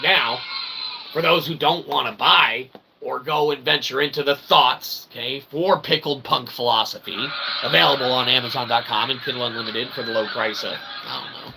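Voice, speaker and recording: A man with a creaky, medium-pitched voice rambles theatrically at a normal pace, using mock-formal phrasing and frequent check-in tags. A livestream host and self-published writer, he delivers a comedic philosophical monologue to an audience. The recording is clearly noisy, with background ambience.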